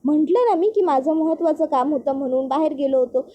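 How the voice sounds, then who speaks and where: A woman's voice: sits high, moderate pace, warm tone, natural voice. A woman voicing a defensive, irritated young man in a spoken serial recap.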